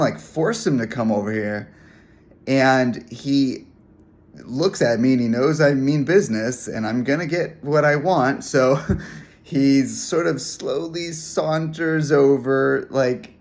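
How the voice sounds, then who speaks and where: Male preacher, conversational devotional talk, mid-pitched, relaxed storytelling with ums. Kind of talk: informal devotional lesson.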